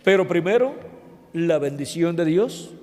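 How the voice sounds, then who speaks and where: A fairly high-voiced man preaching a sermon at a deliberate, unhurried pace. He speaks haltingly, breaking off words and restarting them. His voice rings out with the long echo of a big hall. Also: animated, a little mellow. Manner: halting, with restarts and self-corrections. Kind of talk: sermon, retelling a dream account. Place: church hall. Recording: long reverb of a large hall.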